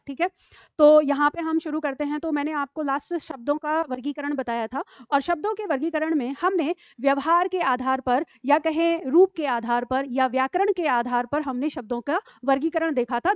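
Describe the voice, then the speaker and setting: A high-voiced woman teaching a class, patiently walking students through spelling tricks and quizzing them. The sound is dry and close, with a dull, lo-fi edge. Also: dry recording. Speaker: Hindi teacher. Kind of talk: live classroom lecture.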